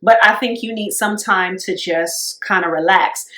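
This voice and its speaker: A woman co-hosting a podcast, chatting casually about faith and rest in long, animated run-on thoughts. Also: mid-range voice, measured pace. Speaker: podcast co-host.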